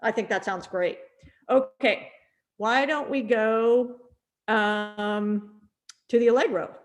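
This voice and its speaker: A middle-aged woman leads a percussion masterclass in a rehearsal room. Her voice sits slightly high, and she speaks in a kindly, encouraging way, often restarting or repeating a word as she works out her thought. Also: slow, lo-fi sound. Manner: gentle, encouraging, repeats words as she thinks. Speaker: percussion teacher giving a masterclass.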